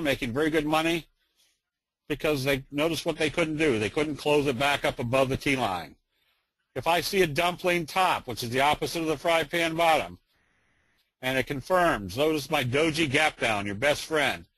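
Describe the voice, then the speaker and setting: A man's voice: fairly high pitch, moderate pace, a bit bright, no echo, low-quality recording. A man giving a casual, joking trading lesson in a webinar, full of fillers. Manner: folksy, joking, many fillers. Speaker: trading instructor.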